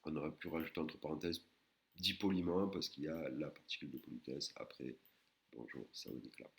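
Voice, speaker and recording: A man teaching a recorded language lesson, patiently explaining and sounding out words slowly, syllable by syllable. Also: extremely low pitch, creaky, a bit bright. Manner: slow, careful, syllable-by-syllable pronunciation of Thai words.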